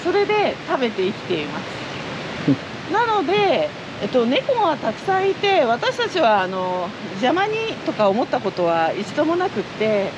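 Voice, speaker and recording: A Japanese woman of middle age, owner of a trout farm, talks earnestly beside the fish ponds during an outdoor interview, lively and chatty with many fillers. Her voice is high and moderately paced, the highs are cut off, and the background is noisy.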